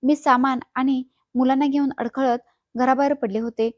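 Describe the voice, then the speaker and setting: A woman's voice: sits high, steady tone, normal speed, dry recording, clean studio sound. Woman narrating a sorrowful story. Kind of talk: emotional first-person story narration.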